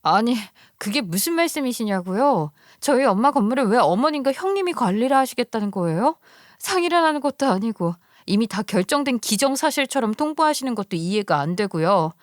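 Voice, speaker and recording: A woman's voice: on the high side, big pitch swings, brisk, no echo, clean studio sound. A woman voicing a grieving young married daughter who protests against her in-laws, shocked and emphatic, in a story radio drama. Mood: indignant.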